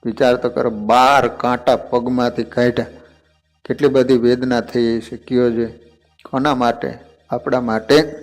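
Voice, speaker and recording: A man's voice: mid-range voice, little pitch movement, measured pace. A man narrating a devotional story as preacher, speaking to his listeners as devotees. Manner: addresses listeners as devotees, does character voices.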